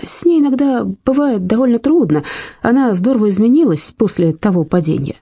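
A woman's voice: on the high side, animated, fairly quick, dark tone, husky, no room sound, pitched above the performer's own voice. A woman voicing a harried middle-aged man pleading with his elderly mother in a read-aloud story. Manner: pleading, strained.

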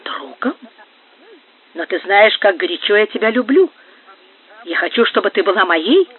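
A man's voice: high voice, expressive, normal speed, slightly rough. A man voicing a heartbroken jealous young man. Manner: anguished, intense. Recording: narrow phone-like sound.

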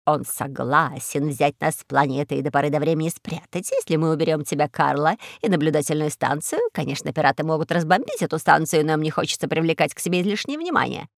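A woman playing a scheming eagle tyrant, lowered voice, smooth persuasive delivery, audiobook villain. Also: quick pace, few pauses, dry recording, studio quality.

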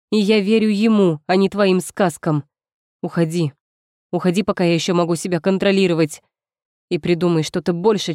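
A woman's voice: lowish voice, no echo, clean studio sound, lightly acted. A woman voicing a fierce, defiant young heroine in a first-person story, speaking with barely held fury. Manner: furious, forceful.

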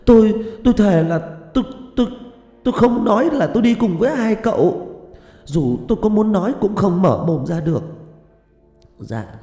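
A man's voice: sits high, animated, moderate pace, dark tone, voice pushed up. A man voicing a frightened middle-aged woman who stammers tearful pleas. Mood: tearful pleading. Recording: echoey room with long reverb and faint music.

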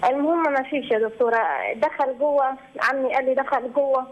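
A young woman with an Egyptian accent rushes through her call at breakneck speed, pleading and circling back over the same words. Her voice sits high. It comes through a dull, muffled phone line. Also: fairly even intonation. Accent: Egyptian Arabic. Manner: pleading, rushed, repeats herself. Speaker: caller seeking advice.

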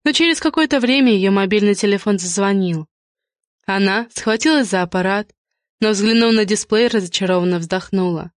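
A woman narrates a novel in a measured, even reading at middle pitch. The recording is close and dry. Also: no room sound. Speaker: audiobook narrator. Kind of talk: scripted narration.

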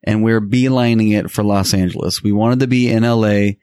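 Male co-host, low voice, dry close sound, casual personal storytelling. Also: steady tone, a little fast, a little mellow, no echo. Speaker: podcast co-host.

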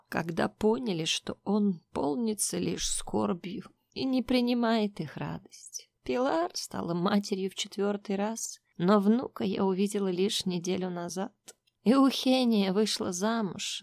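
A woman voicing a grieving older mother in an audiobook, speaking slowly in hushed, often whispered pleas. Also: medium pitch, animated, creaky, dry recording, studio quality. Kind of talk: audiobook reading.

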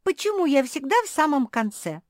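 A woman voicing the smallest female pug in a storybook, indignant and excitable, with high squeaky outbursts. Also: moderate pace, no room sound, clean studio sound.

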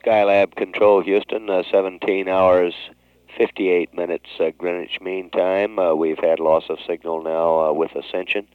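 Man on tinny space-mission radio, very deep. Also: flat delivery. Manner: measured, hesitant with frequent "uh" pauses. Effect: tinny narrowband space-mission radio transmission. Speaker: mission control commentator. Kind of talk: mission status announcement. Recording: dry, tinny radio-band archive recording.

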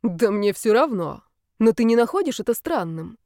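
A woman's voice: a little high, very animated, moderate pace, a little mellow, no echo, studio quality. A woman reading the part of an arrogant, teasing young male student in an audiobook. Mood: smug. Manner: haughty, teasing.

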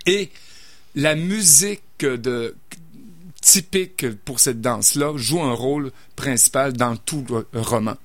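A man talks through a novel's plot in a relaxed, chatty way. He hesitates often, restarting phrases and filling pauses. His voice sits at an ordinary pitch and sounds close and dry, with no room around it. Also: dry recording. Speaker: book reviewer. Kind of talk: casual radio book review.

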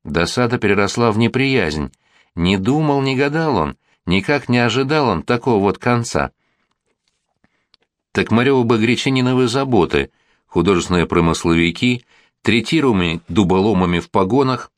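A man narrating an audiobook in an expressive, ironic reading. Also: lowish voice, moderate pace, dry recording.

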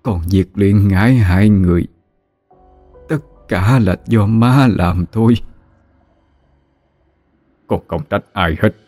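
A man voicing a dying grandmother, soft and slow. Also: lowish voice, no echo, faint music behind. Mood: remorseful. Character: dying old grandmother, remorseful and tender. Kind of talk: audiobook character reading.

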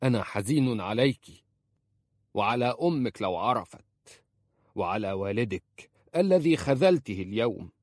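A man's voice: lowish voice, animated, normal speed, long pauses, no room sound, clean studio sound. A man voicing a stern scolding old uncle. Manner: sharp, scolding. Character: stern worried older uncle, protective.

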